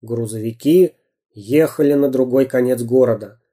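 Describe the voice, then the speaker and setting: A narrator reading a children's storybook aloud in a slow, even manner. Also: mid-range voice.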